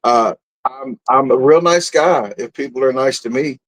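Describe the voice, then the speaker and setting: A man's voice: medium pitch, moderate pace, low-quality recording. A man, a guest telling stories in a casual interview, blunt and boastful, often laughing at himself. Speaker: guest, food and camping content creator.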